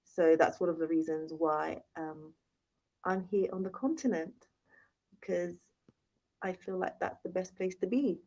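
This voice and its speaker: A woman's voice: fairly low pitch, unhurried, warm tone. A young woman hosting a casual live-stream Q&A, chatting, reading viewer comments aloud and thanking them often. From United Kingdom. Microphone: phone held in hand. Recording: dull lo-fi live-stream audio.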